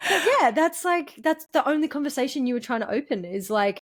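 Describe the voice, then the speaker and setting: A woman's voice: high voice, lively intonation, fairly quick, no echo. A young adult woman, co-hosting a casual chat, affirming and acting out quoted voices in her stories. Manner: chatty, affirming, acts out quoted voices while telling stories. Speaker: podcast co-host.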